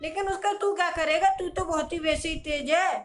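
A man's voice: very high-pitched, fairly even intonation, moderate pace, fairly bright tone. Young man playing a scolding stingy father. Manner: nagging, scolding. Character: scolding middle-aged father, stern and stingy.

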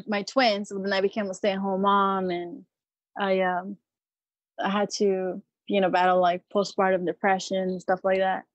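In a casual interview conversation, a Peruvian woman in her thirties, a Marine veteran appearing as a guest, talks with many hesitant ums and restarts. Her voice is medium-pitched, and the recording is dry and lo-fi.

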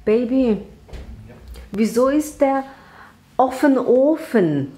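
A woman playing a hesitant learner of German who slowly repeats words back in a questioning way. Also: high voice, animated, dark tone, exaggerated voice. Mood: unsure. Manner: slow, halting, questioning.

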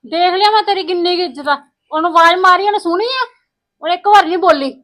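A proud married sister with a very high, bright voice complains haughtily about how she is treated, as a woman plays her. This is family skit acting, quick to take offense. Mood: indignant.

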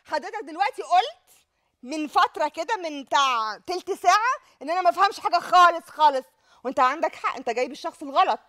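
A woman's voice: extremely high pitch, animated, fast, pushed and bright. A woman in her thirties with an Egyptian accent, hosting a hidden-camera prank and pleading her way out of a staged quarrel. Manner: flustered, pleading, repeatedly backing out. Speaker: prank show host acting a part.

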